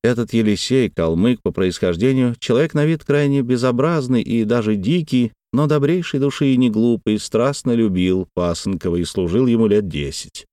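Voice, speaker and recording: A man narrating a classic story in a measured, literary reading. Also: mid-range voice, dark tone, dry recording, clean studio sound. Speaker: audiobook reader. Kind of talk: scripted narration.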